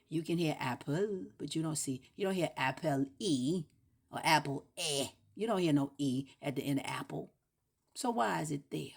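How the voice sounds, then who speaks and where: A woman talking in a casual, rambling monologue, repeating words over and over for emphasis and jumping between shouting and near-whispers. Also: sits low, creaky, slightly rough. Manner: breaks into playful shouts and drops to a whisper.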